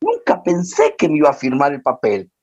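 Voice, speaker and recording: A man voicing a remorseful young husband, nervous and tearful, with anguished, drawn-out pleas. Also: a little high, expressive, a little mellow, muffled recording.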